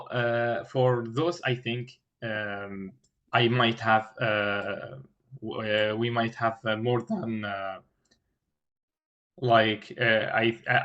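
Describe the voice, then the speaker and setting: A man explaining a technical design as an interview candidate, haltingly, searching for words with many filled pauses and repeated starts. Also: medium pitch, bright, forceful tone, highs cut off. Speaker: engineering candidate in a mock system design interview. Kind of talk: thinking aloud through a technical design explanation.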